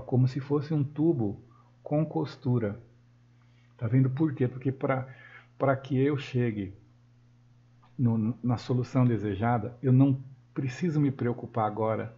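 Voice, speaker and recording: Brazilian man teaching software, lo-fi sound. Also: medium pitch. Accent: Brazilian Portuguese. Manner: thinks aloud while working, with frequent self-corrections. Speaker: software instructor. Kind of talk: screen-recorded software tutorial. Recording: dull lo-fi sound.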